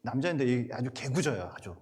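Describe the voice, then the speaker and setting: A male pastor preaches to parents in a mid-range voice at a fairly quick pace. His sermon is animated storytelling, full of acted-out quotes.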